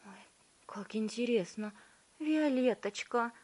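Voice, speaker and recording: A woman's voice: a little high, takes it slowly, a little mellow, breathy edge, pitched above the performer's own voice. A woman voicing a doting, fussy mother who coos and gushes over her daughter. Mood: doting, alarmed. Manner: cooing and gushing, then alarmed.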